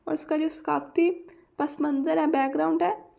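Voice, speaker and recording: A Pakistani woman teaching a lesson on pronunciation, reading English points slowly and then explaining them in Urdu. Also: sits high, steady tone, vocal fry, warm tone.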